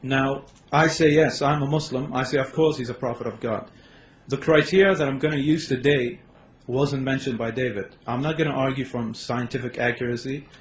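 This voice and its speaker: A man from Los Angeles giving his first public debate presentation, a little nervous and hesitant, rushing ahead in bursts. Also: mid-range voice. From Los Angeles, United States. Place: debate hall. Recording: echoey hall, faint background noise.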